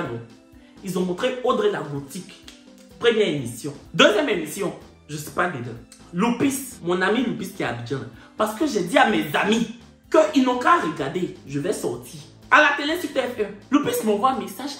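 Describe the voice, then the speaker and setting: Animated storyteller, man. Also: sits high. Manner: animated, repetitive, indignant asides. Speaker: comedian storyteller. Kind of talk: comic storytelling. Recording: echoey room, faint music.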